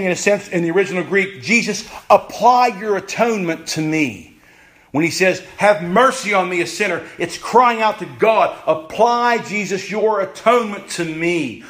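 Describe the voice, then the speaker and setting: A male pastor delivers a sermon in a fairly high voice. He is emphatic and repeats key phrases. His pace swings between quick bursts and slow, weighty lines. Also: expressive, fairly bright tone.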